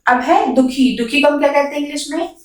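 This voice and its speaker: A woman teaching beginners basic English words, drawing out each model sentence slowly between quicker explanations. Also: sits high. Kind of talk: beginner language lesson. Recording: echoey room, voice from a distance.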